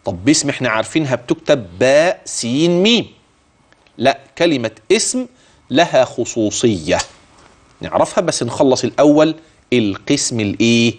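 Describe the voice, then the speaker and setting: A man's voice: mid-range voice, big pitch swings, normal speed. A middle-aged man with an Egyptian Arabic accent teaching Quran recitation rules, voicing his students' questions and then answering them himself. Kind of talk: tajweed lesson with recited verses.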